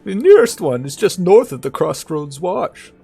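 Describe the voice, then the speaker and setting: Man acting out an old male game scavenger, high voice, gravelly, amiable, folksy old-timer chatter. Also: very animated, moderate pace, dark tone, heavily acted. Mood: chatty, folksy. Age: older. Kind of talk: video game dialogue read in character.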